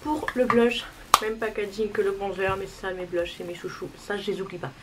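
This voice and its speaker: A woman's voice: mid-range voice, little pitch movement, moderate pace, heavy background noise. A young woman chatting casually through a makeup tutorial, self-deprecating and talking while she applies products. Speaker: beauty vlogger.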